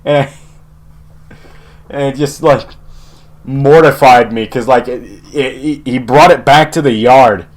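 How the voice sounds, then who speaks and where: A man's voice: medium pitch, slow, long pauses. A young man casually telling a rambling personal story, swearing heavily and chuckling often. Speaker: channel host.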